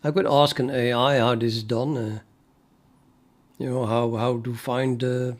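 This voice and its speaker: A man with a mid-range voice and level tone talks a little slowly in a Dutch accent, being a native Dutch speaker from the Netherlands. Streaming his programming, he chats casually and reasons out loud with many fillers and restarts.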